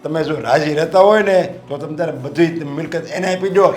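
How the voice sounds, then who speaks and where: A man playing a stern older father with a hoarse voice who scolds his son and insists the property is his to give. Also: fairly high pitch, normal speed, a little mellow, natural voice. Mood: scolding. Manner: authoritative, scolding. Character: firm, proud elderly father, owner of the property. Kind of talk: Gujarati short film acting.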